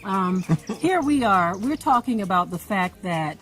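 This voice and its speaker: A woman's voice: medium pitch, expressive, measured pace, soft background music, poor audio. A woman in casual conversation, telling a personal story in an earnest, emphatic way. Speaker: co-host.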